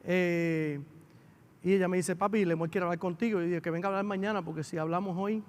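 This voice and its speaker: A man's voice: high voice, steady tone, quick pace, darkish tone, a little hiss or hum. A man, a pastor telling a family story in a sermon, with emotion that builds as he goes. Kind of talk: sermon testimony. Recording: long hall reverb.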